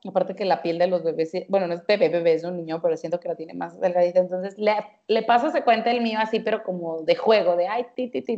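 A woman in casual chat, chatty and quick to laugh. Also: mid-range voice, a little mellow. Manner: chatty, laughs often, acts out quoted voices. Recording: slightly dull lo-fi sound.

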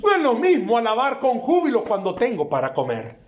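A man preaching a sermon as a guest preacher at a church service, impassioned and repetitive, rising to shouts. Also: very high-pitched, huge pitch swings, fairly quick, echoey room.

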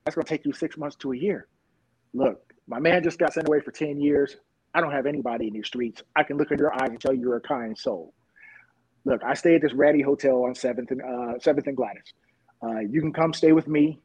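A man's voice: mid-range voice, brisk, darkish tone, slightly rough, no echo, lightly acted, rough recording. A man voicing a weathered young woman on the street who pleads for protection. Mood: pleading.

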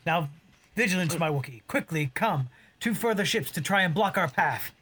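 An actor playing a cocky, roguish young smuggler captain, delivering boastful Shakespearean verse. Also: male voice, on the high side, animated, moderate pace, bright, forceful tone, breathy edge, exaggerated voice. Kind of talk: audio drama acting in verse.

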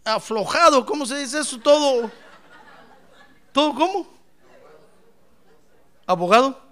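A male pastor preaching a lively sermon, asking the congregation questions and swinging from shouts to soft asides. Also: very high-pitched, takes it slowly. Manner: animated, playful, asks the congregation questions; bursts into shouts then drops to soft asides.

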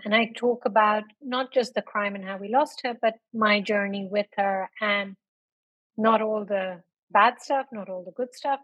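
Husky-voiced woman, reflective and measured. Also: mid-range voice, no echo, rough recording. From born in London, raised in India. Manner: reflective, measured, with frequent ums. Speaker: podcast guest, author. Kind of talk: conversational interview.

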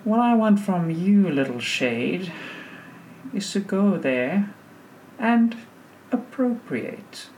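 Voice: mid-range voice, big pitch swings, slow pace, pauses often, darkish tone, pitched above the performer's own voice. Sly, courteous underworld boss played by a game master, noisy recording. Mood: smooth, instructing. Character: suave, amused male underworld boss giving orders.

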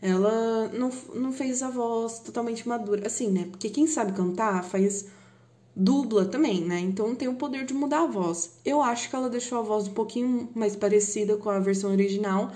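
A young woman with a Brazilian accent, chatting excitedly about music on her podcast, swearing and laughing often. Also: on the high side. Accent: Brazilian Portuguese. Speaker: podcast host. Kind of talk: casual chat about music.

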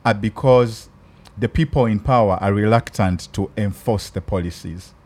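Ugandan male podcast host, low-pitched, conversational, searches for words. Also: a little mellow. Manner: thoughtful, halting with many restarts. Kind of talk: casual chat.

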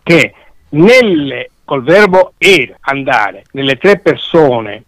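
A man's voice: mid-range voice, animated, slow, a bit bright, no echo. A man with a Sicilian accent teaching a dialect lesson on radio, explaining rules didactically and repeating examples. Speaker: language teacher.

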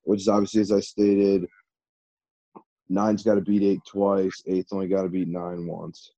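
A man's voice: low voice, little pitch movement, normal speed, mellow, no room sound, highs cut off. A man in casual sports chat, precisely checking details.

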